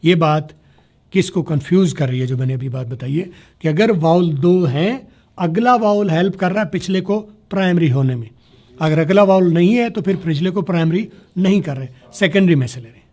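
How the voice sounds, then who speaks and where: A man teaching spoken English to a class, spelling words letter by letter, slowing down to model sounds and checking that students follow. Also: high voice, a little mellow. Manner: slows down to demonstrate pronunciation. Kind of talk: classroom lecture.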